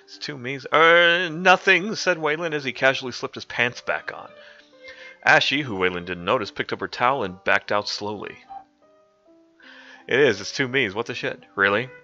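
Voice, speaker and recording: This young man speaks in a mid-range, expressive voice at normal speed, with a sharp tone. He's doing a mock-dramatic stream reading of a comic fanfic, often breaking into laughter, over dull lo-fi audio with faint music.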